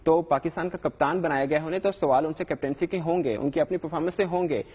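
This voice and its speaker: A man's voice: a little high, darkish tone, husky, big-room sound. A young adult man, a sports reporter, answering questions in a live news interview in an earnest, defensive way with frequent hesitations.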